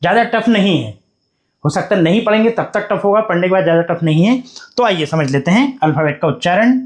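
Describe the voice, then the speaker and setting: Giving a whiteboard lesson to beginners, an English teacher coaxes his class along, asking questions, repeating them back, and answering them himself. His voice is high, animated and fast.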